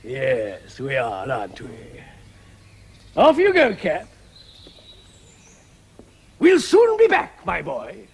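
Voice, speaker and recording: A man playing a sly, smooth-talking fox swindler with a wheedling, flattering manner. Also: mid-range voice, slow pace, long pauses, full character voice. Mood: scheming.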